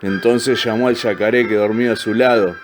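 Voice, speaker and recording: A man reading a children's story aloud in a calm, measured way over faint music. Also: lowish voice. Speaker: narrator.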